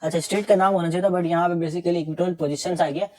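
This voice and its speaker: A young man teaching an exam revision lesson, reading questions out slowly, then explaining with casual jokes and teasing scolds. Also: high-pitched, steady tone, darkish tone.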